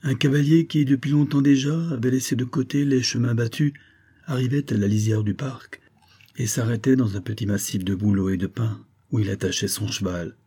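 A man reading a novel aloud as an audiobook narrator in a calm, measured way. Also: mid-range voice, slightly rough.

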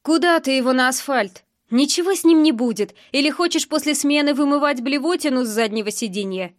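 A gruff, irritated police officer snapping at his partner, read by a woman narrator. His lines come out curt and annoyed. The sound is dry and close. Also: sits high, fairly quick, dry recording, close to an everyday voice. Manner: irritated, bickering.

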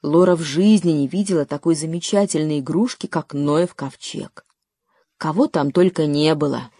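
A woman narrating a children's story in a calm, even way. Her voice sits low and mellow, recorded close and dry with no room around it. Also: moderate pace, breathy edge, no room sound. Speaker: audiobook narrator. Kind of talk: scripted narration.

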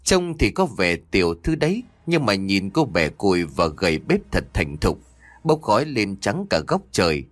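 A man's voice: on the low side, sing-song, normal speed, dry recording. A man narrating a ghost story with dramatic storytelling.

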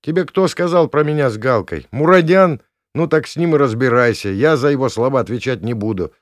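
A man voicing a cocky young city man who answers calmly and wryly in an audiobook. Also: mid-range voice, a little fast, no room sound, studio quality, voice pushed up, natural voice.

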